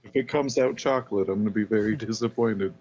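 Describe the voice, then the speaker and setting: A man's voice: lowish voice, quick pace, a little mellow, muffled recording. A man playing in a tabletop game, who makes joking remarks and laughs at his own asides. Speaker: player. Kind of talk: casual tabletop role-play.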